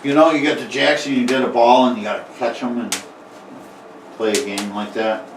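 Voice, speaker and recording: Halting man running a tabletop game. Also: mid-range voice, fairly even intonation. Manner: halting, many fillers and restarts. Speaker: game master. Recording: echoey room, mic far off, faint noise.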